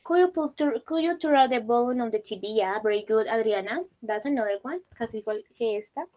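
A woman's voice: on the high side, moderate pace, dull audio. A woman teacher leading a class, patiently repeating and praising student answers.

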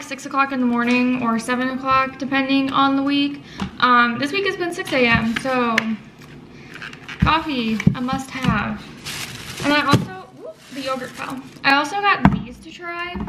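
Casting: young American woman, high voice, chatty vlogger, clear fan whir behind her. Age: young adult. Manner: chatty, informal. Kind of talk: casual vlog chat. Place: small bedroom and home kitchen, indoors. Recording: steady fan noise behind home recording. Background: whirring room fan.

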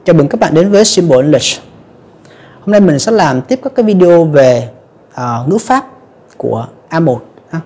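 A woman's voice: low-pitched, animated, moderate pace, pauses often, mellow, slightly rough. A woman teaching an English grammar lesson in a chatty, casual way, often addressing her viewers directly. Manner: chatty, repeats "các bạn" and "ha".

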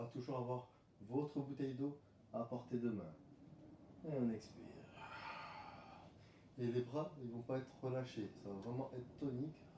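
Dark-voiced man coaching pilates. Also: medium pitch, a little hiss or hum. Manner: calm coaching cues, breath counting. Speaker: pilates instructor. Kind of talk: guided workout instruction. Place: room at home. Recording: roomy, distant camera mic.

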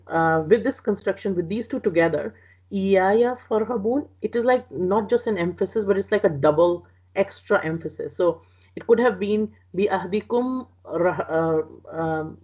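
A woman's voice: lowish voice, dark tone, breathy edge, lo-fi sound. A woman teaching a lesson on word meanings, explaining patiently with frequent fillers and restarts. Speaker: Quranic Arabic teacher.

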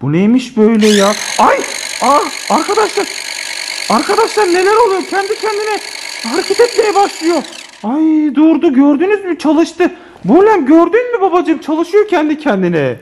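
Excitable male family vlogger, very high pitch, chatty and exclamatory. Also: normal speed, a little hiss or hum. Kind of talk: casual home vlog addressing viewers. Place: home living room with a sofa. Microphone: handheld camera.

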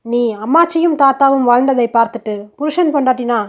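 Brief: woman reading as a possessive young suitor, persuasive and teasing, high voice. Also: fairly quick, close to an everyday voice. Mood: earnest.

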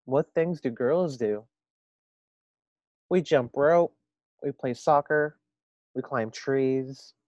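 A man's voice: medium pitch, takes it slowly, long pauses, a little mellow, no room sound, lo-fi sound, pitched above the performer's own voice, natural voice. A man reading a picture book aloud, voicing an eager, insistent little girl who wants to kiss a frog. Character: bold little girl wanting a prince.

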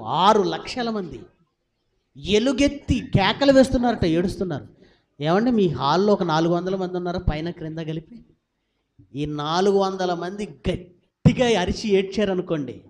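A man's voice: sits high, animated, moderate pace, a little mellow. A man pastor preaching a sermon to a packed hall, asking the congregation questions and answering them himself, with sudden rises and drops in volume. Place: large church hall with about four hundred people.

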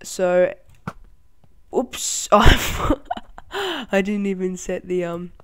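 A channel host giving casual commentary in a game tutorial, excitable and quick to laugh and exclaim, rambling along with fillers. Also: medium pitch, clean tone.

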